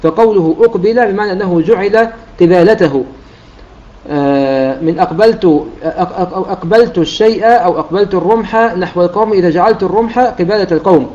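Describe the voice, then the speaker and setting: A man teaching the rules of Quran recitation, explaining a classical poem line by line and slowing down to recite the examples. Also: sits high, warm tone. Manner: explanatory, quotes verses in a slow chanted delivery. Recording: dull lo-fi recording.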